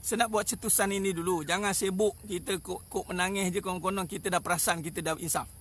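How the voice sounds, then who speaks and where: A man's voice: high voice, steady tone, fast talker, a bit bright. A man with a Malaysian Malay accent preaching a sermon outdoors, emphatic and repetitive, with many rhetorical questions. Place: outdoors in the sun.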